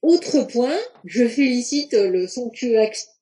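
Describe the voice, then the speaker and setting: A woman's voice: on the high side, expressive, takes it slowly, background noise. A woman teacher giving casual, hesitant feedback to students over a video call, with many restarts. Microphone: video call on computer.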